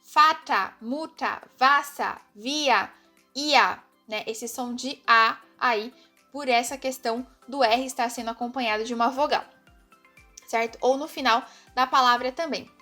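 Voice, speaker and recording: High bright-voiced woman teaching German. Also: fairly even intonation, faint music behind. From Brazil. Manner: explanatory, repeats example words slowly, frequent tag questions. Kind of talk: online language lesson.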